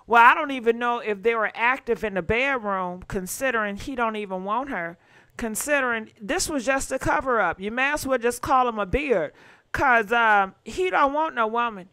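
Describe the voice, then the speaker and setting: Chatty woman host, bright and crisp. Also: a little high, no echo. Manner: chatty, asks viewers questions. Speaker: gossip channel host. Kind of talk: casual commentary to viewers.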